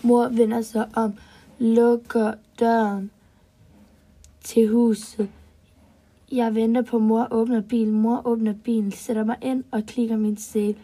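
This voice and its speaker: Mellow, higher-voiced woman telling a story. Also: flat delivery, breathy edge. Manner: simple short sentences, step-by-step telling. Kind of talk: first-person children's story reading.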